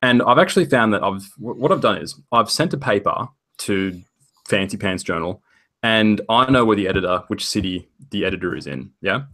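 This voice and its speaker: A man co-hosting a podcast, chatting casually in a halting way with many restarts. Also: lowish voice, lively intonation, pushed and bright. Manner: hesitant, many fillers and restarts, laughs easily. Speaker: podcast co-host. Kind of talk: casual chat.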